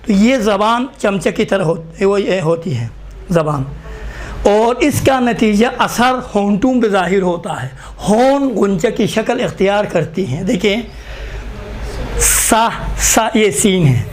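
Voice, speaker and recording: High-voiced man teaching a slow class. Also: animated. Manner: slow, repeats letters for students to write down. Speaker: Quran reading teacher. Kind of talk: live class instruction.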